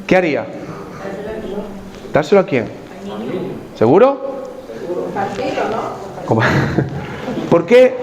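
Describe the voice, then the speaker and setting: A man's voice: a little high, big pitch swings, slow pace, long pauses, crowd noise. A man preaching a sermon as pastor in a church, putting questions to the congregation and repeating his key points.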